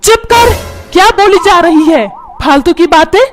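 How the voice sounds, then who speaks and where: A woman voicing a squeaky, blustering cartoon dad. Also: moderate pace. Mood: scolding. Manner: scolding, shouting threats. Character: short-tempered middle-aged father, blustering and threatening. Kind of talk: comic cartoon dubbing. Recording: music playing loudly underneath.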